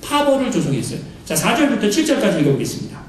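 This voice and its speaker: A pastor giving a lively sermon, often questioning the congregation and acting out what people say. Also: mid-range voice, racing. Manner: lively, questions the congregation, acts out quoted voices. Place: church sanctuary. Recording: very echoey hall, mic far off, faint noise.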